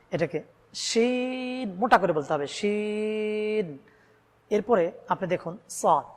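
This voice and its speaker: A man from Bangladesh teaching Quran reading, addressing viewers and stretching out each Arabic letter sound with emphatic repetition. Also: high voice. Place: room with a blackboard. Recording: long hall reverb.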